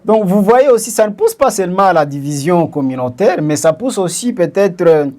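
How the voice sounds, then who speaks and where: A man's voice: high voice, big pitch swings, brisk, a little mellow. A man from Congo co-hosting a discussion, explaining with examples and many hesitant fillers. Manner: explains with examples, asks questions. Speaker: podcast co-host. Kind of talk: casual discussion.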